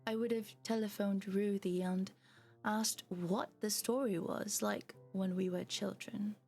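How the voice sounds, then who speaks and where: A woman's voice: mid-range voice, steady tone, unhurried, vocal fry, darkish tone, breathy edge, faint music behind. A woman streamer who chats casually and reads a story game aloud, with lots of fillers and giggles. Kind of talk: reading a story game aloud while chatting.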